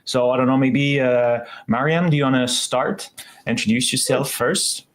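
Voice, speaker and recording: An enthusiastic man hosts a casual tech livestream. He talks in a chatty, unscripted way, often restarting his sentences, at an everyday middle pitch. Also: moderate pace. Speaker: show host.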